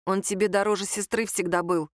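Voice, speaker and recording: A woman reading a story voices Lera, a bitter, defiant young woman shouting in heated outbursts. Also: mid-range voice, steady tone, a little fast, no room sound, studio quality, natural voice. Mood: hurt.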